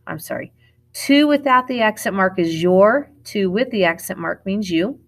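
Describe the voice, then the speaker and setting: Patient woman teaching a lesson. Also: mid-range voice. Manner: patient, explains step by step, corrects herself. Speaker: Spanish teacher. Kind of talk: recorded classroom lesson video.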